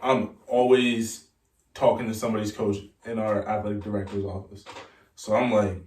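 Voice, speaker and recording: A man's voice: on the low side, moderate pace. A young man, a college football player, telling stories in casual talk as a podcast guest and acting out the voices of the people in them. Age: young adult. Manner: animated, acts out voices in his stories. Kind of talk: casual storytelling. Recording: roomy echo, mic at a distance.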